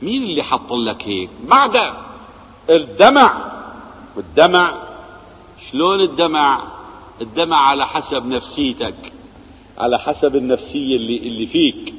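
A man giving a religious lesson, asking rhetorical questions and swinging between loud emphasis and quiet low asides. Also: sing-song, normal speed, long pauses. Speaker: preacher. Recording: long hall reverb.

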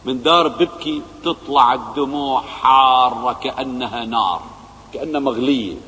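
Man preaching in echoing hall. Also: moderate pace. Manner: rhetorical questions, swings between loud emphasis and low quiet asides. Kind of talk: religious lesson. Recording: long hall reverb.

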